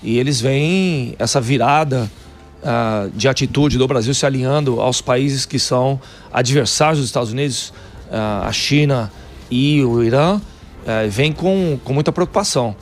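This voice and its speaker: On a radio talk show interview, a Paulista guest who sits on a Texas city council explains things at a moderate pace in a medium-pitched voice. He runs through facts with frequent fillers while soft music plays behind him.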